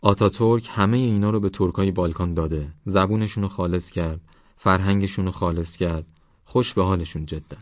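A proud, short-tempered village schoolteacher lectures fervently about his people, voiced by a man reading an audiobook. The voice sits low and the sound is dry and slightly dull. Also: dry recording, close to an everyday voice.

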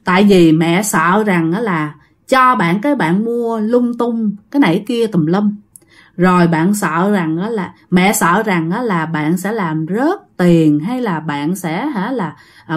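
A woman's voice: medium pitch, lively intonation, unhurried. A woman tells a ghost story in a chatty style, addressing her listeners directly. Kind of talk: casual ghost story narration.

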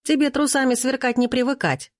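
A woman reader voicing a furious, scornful young woman shouting mockery from a balcony. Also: steady tone, brisk, no room sound, studio quality, close to an everyday voice. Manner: shrill and mocking.

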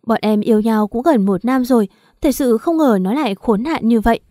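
A woman's voice: a little high, brisk, dark tone, no room sound, studio quality, natural voice. A woman doing a tearful pleading young woman.

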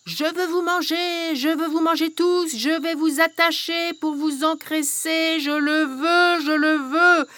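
A woman reading a storybook aloud, voicing a cruel, greedy old witch who snarls, shouts and barks orders. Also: a little high, expressive, a little slow. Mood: furious.

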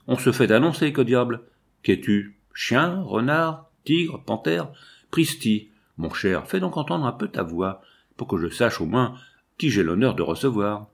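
A man reading a storybook and voicing a cocky teenage boy with a raspy voice, breezy and mock-ceremonious. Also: mid-range voice, lively intonation, unhurried, heavily acted. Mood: mock-grand.

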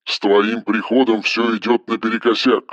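Властный холодный босс говорит по телефону, как его играет чтец аудиокниги: низкий, глуховатый голос с тусклым звуком. Каждая фраза звучит как приказ. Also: male voice, on the low side, little pitch movement, moderate pace, a bit bright, dry recording, highs cut off, voice pushed down. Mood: cold. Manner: harsh, clipped, commanding. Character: stern cold male boss on the phone. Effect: phone voice.

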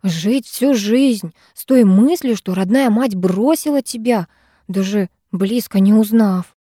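A woman's voice: medium pitch, slow, warm tone, breathy edge, dry recording. A woman voicing a chatty, gossipy teenage girl in an audiobook, raised a little above her narrating voice, in a dry, close recording. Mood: indignant. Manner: chatty, gushing.

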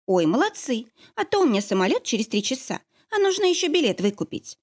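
Audiobook: squeaky, syrupy young woman played as a ruse, a woman narrator doing it, high and bouncy. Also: very animated, quick pace, a little mellow. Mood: fake-sweet. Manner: falsely sweet, chattering. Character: heroine faking a squeaky sweet young woman. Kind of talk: audiobook character voice.

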